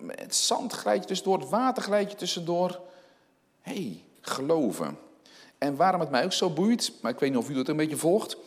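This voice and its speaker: Lively man preaching in an echoing hall. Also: mid-range voice. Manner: animated, asks many rhetorical questions. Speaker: lay preacher. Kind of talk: sermon with scripture reading. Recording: long hall reverb.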